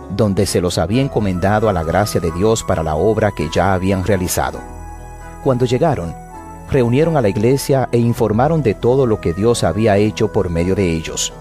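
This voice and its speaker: A man narrates the Bible from a script in a solemn style. His voice is low. Soft music runs underneath.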